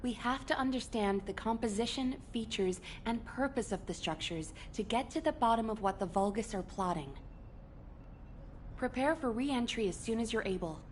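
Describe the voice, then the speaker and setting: A woman's voice: fairly high pitch, expressive, moderate pace, a little hiss or hum, natural voice. A woman playing a composed mission operator in a video game, briefing soldiers in a formal, precise, authoritative way. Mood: formal, urgent. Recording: distant sound under clear music.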